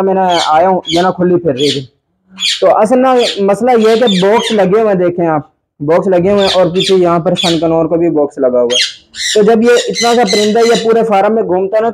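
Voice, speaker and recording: A Pakistani man with a high-sitting voice vlogs casually about the birds in his indoor aviary, chattering in an exasperated, complaining way. He's a bird keeper narrating over a noisy room full of chirps and squawks.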